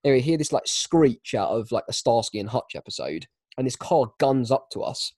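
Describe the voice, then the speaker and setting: A young man telling a casual, self-mocking anecdote with animated delivery. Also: medium pitch, brisk, slightly rough, no room sound. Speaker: storyteller.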